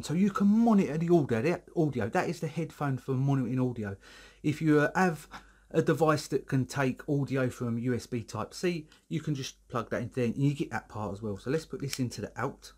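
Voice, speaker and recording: A man's voice: mid-range voice, moderate pace, a little mellow, breathy edge. A man reviewing a product in a casual, rambling vlog, a little out of breath and filming himself alone indoors. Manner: chatty, rambling, with restarts.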